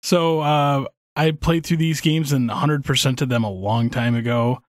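A man's voice: medium pitch, steady tone, measured pace, dry recording. A man co-hosting a gaming podcast, talking in a laid-back, hesitant way. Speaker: podcast co-host. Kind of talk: casual podcast chat.

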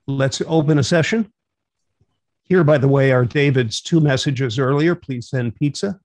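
A middle-aged man hosts an instructional radio net as net control operator, running it in an orderly, procedural manner over a video call from a small room at home. His mid-range voice is a little mellow, moving at a moderate pace, with no echo.

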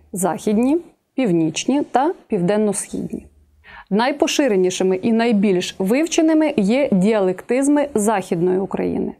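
A woman teacher giving an exam-prep video lecture, listing examples one at a time in a measured way. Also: mid-range voice, mellow.

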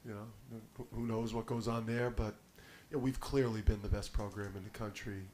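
A middle-aged man coaching basketball speaks at a postgame presser, his low, mellow voice steady and at normal speed. He answers with confidence and emphasis, repeating words and restarting as he gets going, into a table mic on a stand in the press room, with a little hiss or hum.

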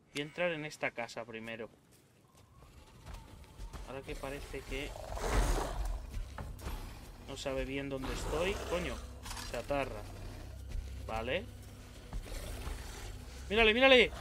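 A man's voice: mid-range voice, slow pace, long pauses, noisy background. A young man from Spain, doing horror game commentary, swearing and yelping when startled. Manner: jumpy, swears a lot, yells when startled. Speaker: gaming YouTuber.

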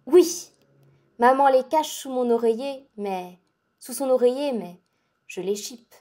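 For a dramatic audiobook, a woman reads the part of a feverish, exalted young invalid girl. Her voice is high-pitched and slow, and she talks in an excitable, breathless, intense way.

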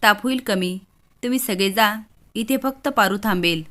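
Dignified worried mother, gentle and pleading; a woman narrator reads her lines. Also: mid-range voice, normal speed, lightly acted. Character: dignified anxious mother of the household.

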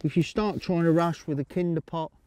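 A middle-aged man calmly explaining his fishing method outdoors at a lakeside, speaking steadily into a lapel mic. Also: a little high, fairly quick, no echo. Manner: calm, steady, explaining as he fishes. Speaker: angling coach.

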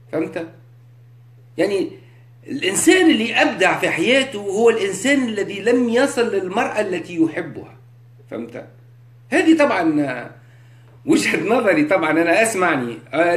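A man with a Tunisian accent in a casual live-stream monologue. He talks rhetorically, mixes in French, and keeps asking his listeners if they understand. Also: sits high. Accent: Tunisian Arabic. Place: indoors, live on social media. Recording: echoey room.

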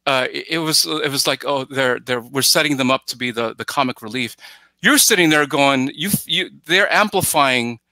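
Speaking indoors in a plain room over a video call headset, a middle-aged podcast guest rambles casually and emphatically about films, dropping into imagined quotes. His medium-pitched voice is bright and forceful at a moderate pace, with no room sound.

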